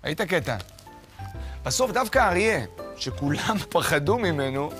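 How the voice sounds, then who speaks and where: A man's voice: fairly high pitch, very animated, fairly bright tone. A man reading a picture book aloud to children in a playful way, chatting with a puppet sidekick between pages. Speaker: children's storyteller. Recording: story music playing underneath.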